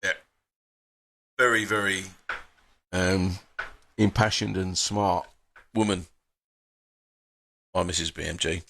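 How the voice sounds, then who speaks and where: A man's voice: deep voice, steady tone, slow, gravelly, long pauses, sharp tone, slight background noise. A man hosting a casual live stream, chatting with frequent fillers and sighs as he reads out viewer comments.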